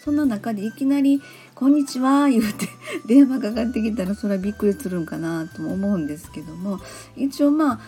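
A woman with a Kansai accent talks on her own show in a polite, chatty way, dropping fillers as she goes. Her voice is mellow and soft-edged, at a middle pitch. Faint music plays behind her. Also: animated, a little fast. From Osaka, Japan. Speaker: podcast host. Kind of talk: casual solo talk.

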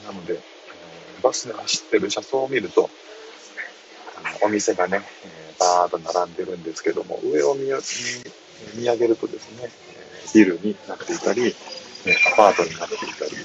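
Man, 30s, deep voice, hushed mumbled chat on a bus, muffled phone audio with traffic noise. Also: brisk. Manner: mumbling quietly, reading listener comments. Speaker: live-stream host. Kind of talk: casual live chat. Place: on a moving city bus.

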